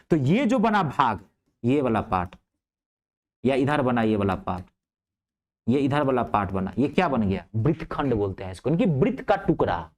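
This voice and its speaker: The speaker is a man teaching math in a lively class, breaking geometry down one step at a time. He repeatedly asks whether everything is clear, then lowers his voice to supply the answers himself.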